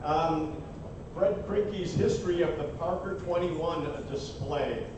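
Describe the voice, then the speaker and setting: A man working as an auctioneer at a live sale, calling bids in a repetitive chant of numbers. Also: slow. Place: large echoey room at a live auction. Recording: echoey noisy hall, distant mic, rumble.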